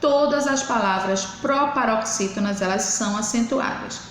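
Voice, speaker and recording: Speaking in a slightly high, somewhat bright voice, a woman primary school teacher counts syllables slowly and deliberately for a recorded remote children's lesson. She is slow and clear, and the echoey room has faint hiss.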